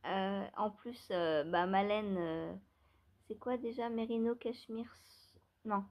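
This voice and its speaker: A woman's voice: mid-range voice, slow, lo-fi sound. A woman vlogger chatting casually about her knitting, rambling with many fillers, restarts and small laughs. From France. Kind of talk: casual chat.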